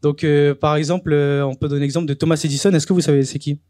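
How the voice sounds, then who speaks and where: A man's voice: a little high, level tone, fast talker, warm tone, no echo, clean studio sound. A young man hosting a talk event, speaking casually with frequent hesitations. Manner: chatty, hesitant, with many fillers. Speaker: event host. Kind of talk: presentation to a live audience.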